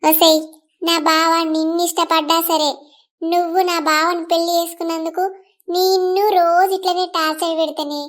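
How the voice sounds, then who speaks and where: A woman voicing a jealous young village woman who slowly threatens her rival, with a Telangana Telugu accent. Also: extremely high pitch, little pitch movement. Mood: menacing. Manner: slow, menacing threats. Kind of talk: cartoon voice acting.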